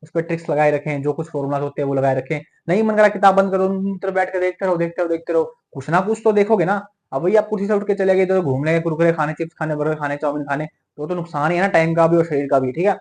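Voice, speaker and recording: A young man giving a motivational talk to exam students, tagging nearly every point with a quick "theek hai". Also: a little high, darkish tone. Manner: fast, repeats "theek hai" as a tag. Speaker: medical entrance exam mentor.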